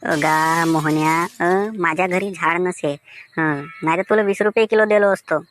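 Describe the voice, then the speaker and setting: A man's voice: a little high, fairly even intonation, normal speed, a bit bright, slight background noise, close to an everyday voice. A man voicing a defensive, grumbling village mango seller with a Vidarbha Marathi accent. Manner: sing-song, defensive, grumbling. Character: cheerful singing village mango seller Diwakar.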